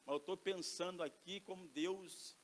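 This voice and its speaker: A Brazilian male pastor preaching a sermon, moving between loud emphatic exclamations and quiet asides, often questioning the congregation directly. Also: high voice, fairly even intonation, unhurried, slight background noise.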